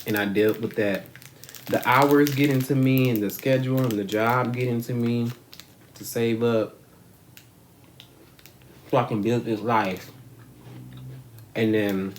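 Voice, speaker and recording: A man's voice: mid-range voice, a little hiss or hum. A man from the United States talking to his camera, rambling, swearing freely and using slang while he eats and talks. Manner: rambling, profane, slangy and frank. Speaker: vlogger. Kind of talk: casual talk to camera. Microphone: camera mic.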